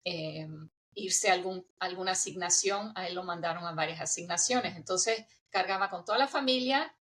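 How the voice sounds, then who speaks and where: A middle-aged American woman with a lowish, slightly bright voice speaks at a moderate pace. She's a guest on an interview, an intercultural trainer whose hybrid Spanish accent is often mistaken for Argentine, and she's chatty and quick to laugh.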